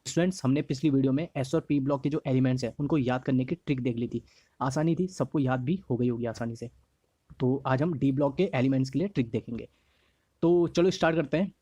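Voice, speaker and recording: A male teacher with a slightly hoarse throat, giving a lesson on memory tricks. He repeats each mnemonic slowly and keeps checking in with the class. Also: medium pitch, mellow, no echo. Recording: dry, slightly dull lo-fi recording.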